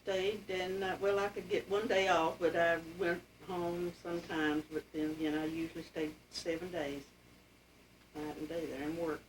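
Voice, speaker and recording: Speaking at a moderate pace in a lowish voice with little pitch movement, an older woman from Appalachia shares family history in a relaxed, down-to-earth way. It's an interview captured at home on a far-off microphone, with plenty of background noise.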